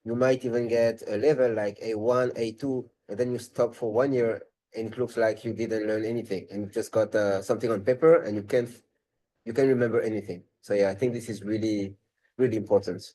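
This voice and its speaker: A man's voice: on the low side, steady tone, a little fast, mellow, poor audio. A man with a French accent, a language tutor talking in a live webinar, thinking aloud and rephrasing as he goes.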